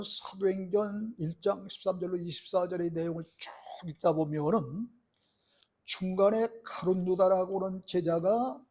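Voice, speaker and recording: Middle-aged male pastor, earnest sermon delivery, high husky voice. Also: darkish tone. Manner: earnest preaching with rhetorical questions to the congregation.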